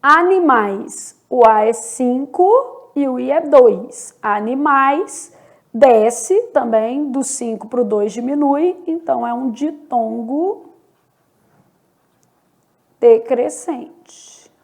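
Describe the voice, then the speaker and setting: A woman's voice: sits high, expressive, slow pace, creaky, mellow. A woman teaching Portuguese in an online lesson, explaining step by step and often checking in with the viewer. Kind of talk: online exam-prep lesson.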